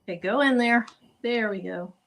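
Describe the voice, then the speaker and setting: A woman's voice: a little high, normal speed, creaky. Woman chatting over a video call. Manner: chatty, thinks aloud while working. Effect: heard over a video call. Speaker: guest crafter. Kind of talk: casual craft chat. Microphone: computer microphone on a video call.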